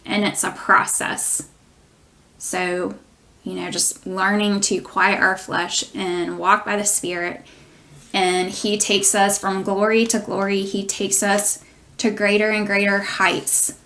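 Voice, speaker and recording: Slow, gentle reassuring woman. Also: medium pitch. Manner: gentle, reassuring, with many fillers. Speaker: prophetic minister. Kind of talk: devotional teaching.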